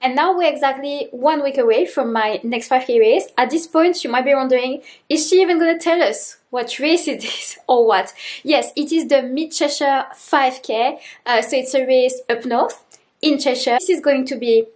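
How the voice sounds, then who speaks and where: A woman's voice: sits high, moderate pace, darkish tone, reverberant. A woman vlogger talking casually to camera in a video diary. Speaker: vlogger, amateur runner.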